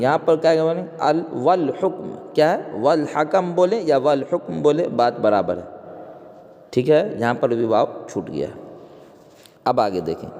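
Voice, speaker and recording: Male teacher, drilling grammar, quizzes and answers himself, slightly high voice, long hall reverb. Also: a little mellow. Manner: quizzing, repeating questions and answering them himself; counts aloud and spells out letters one by one. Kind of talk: exam-prep grammar lesson.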